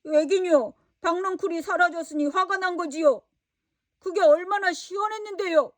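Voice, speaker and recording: A woman's voice: extremely high pitch, fairly even intonation, takes it slowly, no room sound, pitched above the performer's own voice. A woman playing a sulky, whiny prophet. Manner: whiny, complaining. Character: sulky stubborn prophet man, quick to anger.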